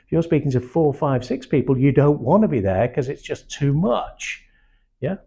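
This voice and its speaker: An older man with a hard-to-place English accent and a husky, mellow voice, running a sales training session for a small room. He talks bluntly and animatedly, swears casually and acts out little quotes. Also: fairly high pitch, animated, normal speed. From Manchester, England. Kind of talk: live training talk to a small group.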